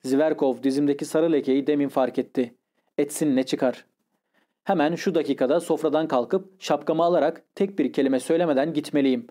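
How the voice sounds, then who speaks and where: A man narrates a literary audiobook in a measured, expressive way. His voice sits a little high for a man. The tone is soft and mellow.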